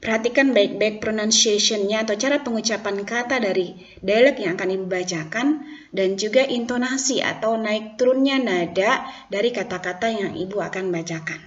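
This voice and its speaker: A woman's voice: mid-range voice, normal speed, highs cut off. A woman with an Indonesian accent teaching English in an online lesson, explaining patiently and repeating each phrase in two languages.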